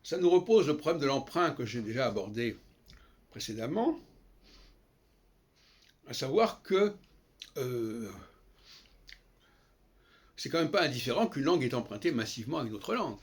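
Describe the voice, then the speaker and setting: A man giving an unscripted, lecturing monologue on language, halting and digressive with frequent restarts. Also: medium pitch, very animated, slightly rough. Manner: lecturing, explanatory. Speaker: solo commentator on language.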